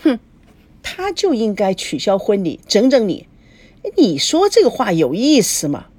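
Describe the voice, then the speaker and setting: A proud, blustery middle-aged businessman who lectures his family, put on by a woman narrating the story. The voice is breathy and swings up and down in pitch. It sounds dry and close. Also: very animated, unhurried, a little mellow, no echo. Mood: stern. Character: stern wealthy middle-aged businessman father.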